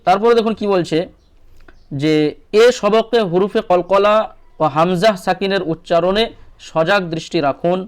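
Guy teaching quran reading step by step, keeps asking "right?", smooth clear voice. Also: high voice, moderate pace, long pauses. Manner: explains patiently, asks questions then answers them himself; checks in often with short questions to the viewer. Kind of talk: step-by-step lesson walkthrough.

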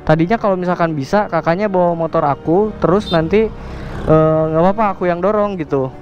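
High-voiced young motovlogger. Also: male voice, fairly quick, darkish tone. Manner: soothing, repeats himself, slangy. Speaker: motovlogger host. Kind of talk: casual roadside vlog talk. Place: outdoors by a roadside. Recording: dull lo-fi sound with faint music.

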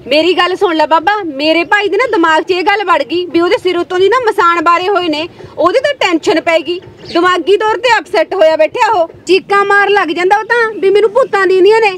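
A woman playing a sharp, sensible village sister who lectures and scolds firmly, with a Malwai Punjabi accent. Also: very high voice, brisk. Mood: stern.

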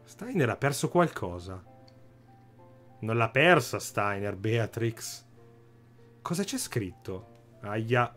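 A man's voice: lowish voice, big pitch swings, slow, long pauses, fairly bright tone. A man hosting a casual let's-play, commenting on the game with jokey, chatty asides. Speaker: gaming video host. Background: faint game music.

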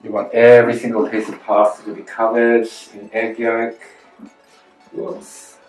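A man's voice: medium pitch, completely flat delivery, unhurried, a little mellow, faint music behind. A middle-aged man hosting a casual cooking demonstration in his home kitchen, chatting through tips as he works. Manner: chatty, gives tips while working at the stove. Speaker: cooking show host. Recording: echoey kitchen with pot and cutlery clatter. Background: cutlery and pan clatter.

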